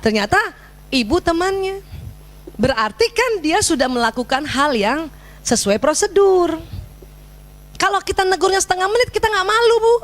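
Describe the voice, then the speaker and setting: A woman's voice: very high-pitched, moderate pace, pauses often, a little hiss or hum. A middle-aged woman giving a religious parenting lecture, telling stories and acting out dialogue with her child. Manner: animated storytelling with acted-out dialogue.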